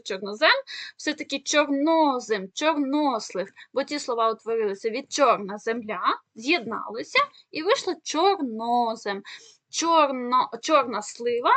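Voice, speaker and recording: A woman teacher from Ukraine explaining grammar in an exam-prep lesson, asking rhetorical questions and pausing on fillers. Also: sits high, fairly bright tone, dry recording.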